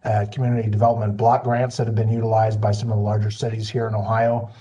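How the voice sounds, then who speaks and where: A man presenting an update in a virtual meeting, with a flat, filler-heavy delivery. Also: on the low side, fast, lo-fi sound. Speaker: disaster recovery coordinator. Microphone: video call.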